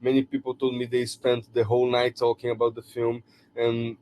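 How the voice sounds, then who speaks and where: A man's voice: mid-range voice, completely flat delivery, normal speed, dark tone, slight background noise. A man from Brazil with a Brazilian Portuguese accent, a film director speaking English as a second language in an interview, often restarting and searching for words. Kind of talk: interview answers.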